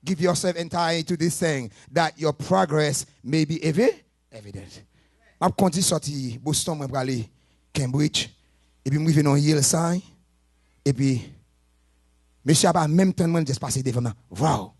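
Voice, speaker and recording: A man preaching, his voice high and husky. He moves from quiet explanation to shouted, sing-song exhortation. The sound is dry and close, with little room echo. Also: a little slow. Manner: switches between soft talk and shouted, sing-song preaching. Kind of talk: sermon.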